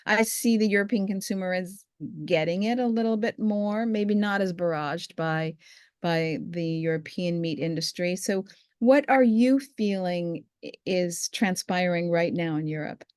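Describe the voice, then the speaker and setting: A woman's voice: on the low side, unhurried, a little mellow, clean tone, no room sound. Woman guest on a podcast, talks a lot, upbeat, super dry sound. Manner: enthusiastic, talkative. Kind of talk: conversational interview.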